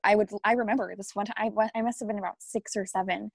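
A young woman from France, an interview guest on a video call from a home room with art on the wall, talks casually with plenty of ums and frequent laughs. Her mid-range, creaky voice is fast and fairly even in intonation, captured by a laptop or phone camera yet sounding like clean studio audio with no room sound.

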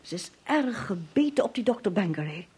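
Old radio show: a brisk, resourceful detective's wife, husky, mid pitch. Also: female voice, sing-song, dark tone. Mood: calm, explaining. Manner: brisk and reassuring, explains things steadily. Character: composed, resourceful adult woman assisting a detective. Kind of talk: 1950s radio drama acting.

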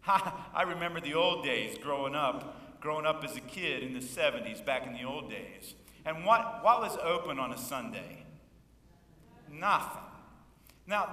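A pastor in his fifties, his voice a little high, bright and forceful, gives a joking, folksy sermon and calls out for congregational responses. The recording comes from far off in an echoey church sanctuary.

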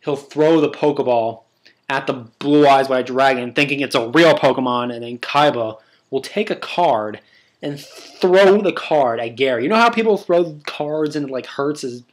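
A man's voice: mid-range voice, expressive, normal speed. A young man hosting a casual video, talking in a crude, rambling, joking way. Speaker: video host. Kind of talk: casual vlog commentary.

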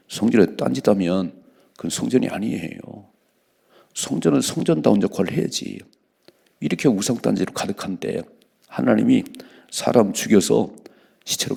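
A male pastor giving an early-morning sermon in a church, reading scripture slowly and loudly, then speaking plainly to the congregation. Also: lowish voice, gravelly, slightly rough. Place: church sanctuary.

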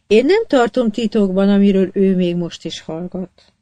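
A woman's voice: mid-range voice, warm tone, no room sound, pitched above the performer's own voice, close to an everyday voice. A woman reading an audiobook, voicing an earnest young woman disguised as a cabin boy. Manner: earnest, pleading.

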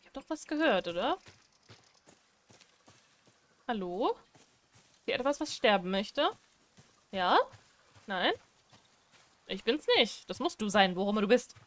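A young woman giving casual let's play commentary, chatty and excitable, breaking into loud squeals. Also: medium pitch, unhurried, long pauses. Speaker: gaming streamer.

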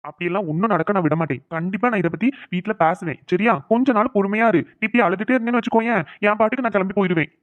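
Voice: medium pitch, rapid-fire, hardly any pauses, dry recording, close to an everyday voice. A performer voicing a worried young man in a cartoon who soothes and coaxes his tearful sweetheart. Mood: coaxing. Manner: soothing, coaxing. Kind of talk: cartoon voice acting. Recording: dry, tinny phone-like sound.

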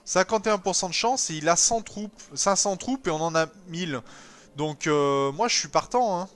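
A man giving casual commentary while playing a strategy game, thinking aloud with many hesitations and sudden excited bursts. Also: high voice, moderate pace. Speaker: let's play gamer.

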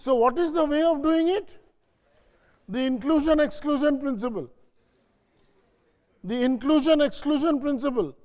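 A man lectures in a strikingly high voice and keeps quizzing the class. He repeats his key phrases for emphasis. His words ring with the long reverb of a lecture hall. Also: normal speed, long pauses, a little mellow.

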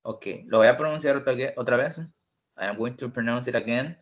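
A man's voice: medium pitch, a little fast, dull audio. A man teaching an online English lesson, patiently repeating each word several times. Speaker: English tutor.

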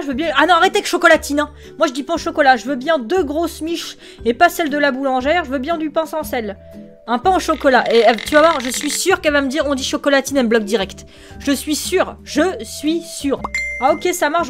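Brief: woman, high voice, sarcastic let's-play commentator, faint music underneath. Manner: sarcastic, exasperated asides, laughing. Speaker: gaming YouTuber. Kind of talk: let's play commentary, reading game choices aloud.

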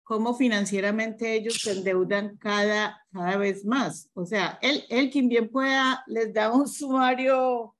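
A woman's voice: a little high, steady tone, measured pace, few pauses. Woman hosting a video-call meeting. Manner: warm, welcoming introductions. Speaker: meeting host. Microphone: video call webcam.

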